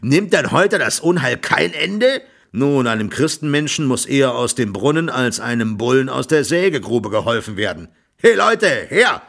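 A man reading an audiobook voices an excitable, blustering middle-aged male tenant farmer who talks loudly in exclamations. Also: mid-range voice, moderate pace, gravelly, hardly any pauses, voice pushed up. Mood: hollering. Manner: loud, exclaiming, scolding.

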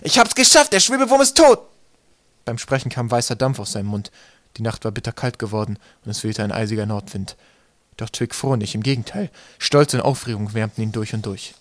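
A man reading an audiobook in calm, steady narration. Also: lowish voice, brisk, dry recording. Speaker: audiobook reader. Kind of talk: scripted narration.

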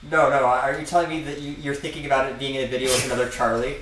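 A man's voice: medium pitch, flat delivery, very fast, fairly bright tone, slight background noise. Dry-joking young man, distant and echoey. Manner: dry, self-deprecating joking. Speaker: guest. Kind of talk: casual chat. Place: home kitchen, indoors. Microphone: far camera.

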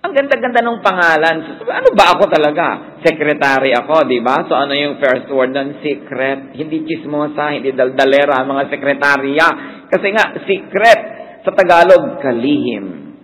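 A man's voice: a little high, moderate pace, a bit bright, rough recording. A man with a Filipino accent preaching a sermon, mixing Tagalog and English and now and then mimicking people who complain.

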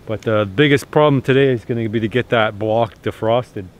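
Out in snowy woods and fields, a man from Canada vlogs about homesteading into a handheld camera at arm's length. He speaks at medium pitch and normal speed, relaxed and full of fillers and restarts, with slight background noise.

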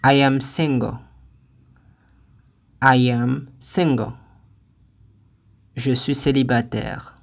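A language teacher reading short phrases one at a time, saying each twice with careful, deliberate delivery, then giving the translation. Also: medium pitch, steady tone, gravelly. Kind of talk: slow phrase-by-phrase lesson reading.

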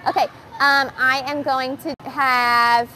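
Wearing a microphone, a young woman with a high voice runs a live coaching demo at a gymnastics gym, speaking slowly over a slight hiss or hum. Upbeat throughout, she calmly explains the stations to viewers, then switches to loud calls directed at the girls.

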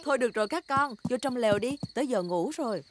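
A woman voicing a calm, sensible mother pig in a cartoon, gentle and patient with a light teasing edge. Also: on the high side, quick pace, background noise, close to an everyday voice.

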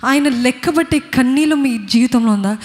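A woman's voice: high voice, brisk. A woman with a Telugu accent preaching a sermon, earnestly questioning her congregation. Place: church. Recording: long hall reverb.

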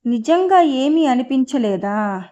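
A woman doing an earnest indignant young wife, high voice, slow, lo-fi sound. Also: animated, dark tone. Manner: earnest, questioning.

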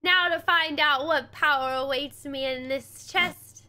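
A woman's voice: high-pitched, measured pace, bright, forceful tone, full character voice. A woman voicing a menacing, power-hungry villain sorcerer in a video game.

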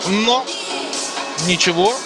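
A man giving live ice hockey commentary in a conversational way, pausing to find words. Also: sits high, loud music behind the voice.

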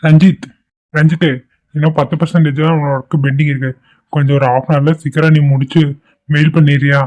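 A man voicing a supportive young colleague in a cartoon who calms his friend down. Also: a little high, a little fast, close to an everyday voice. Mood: reassuring. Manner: calming, supportive. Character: reassuring young office colleague. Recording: dull lo-fi cartoon audio.

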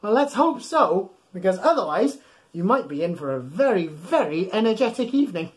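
A man in his thirties, a children's bedtime storyteller, reads aloud to young children in a high, very animated voice. Playful, exaggerated and encouraging, he asks listeners questions and pauses, recorded in a small home room full of soft toys.

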